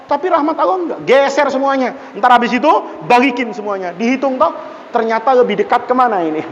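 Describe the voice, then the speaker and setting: A man preaching a lively mosque sermon on a classical text, telling stories and acting out voices, often addressing his listeners directly. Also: quick pace, a little hiss or hum. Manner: animated, swings between loud exclaiming and soft low narration. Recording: dull lo-fi audio with long hall reverb.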